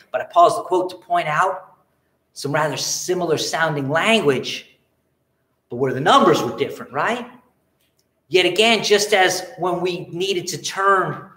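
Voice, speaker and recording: A middle-aged man lectures on law with a faint New York accent. His voice sits fairly high and carries the echo of a roomy space. He talks in a chatty way, often wandering off topic with wry, self-mocking jokes. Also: a bit bright. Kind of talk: explanatory lecture with wry asides.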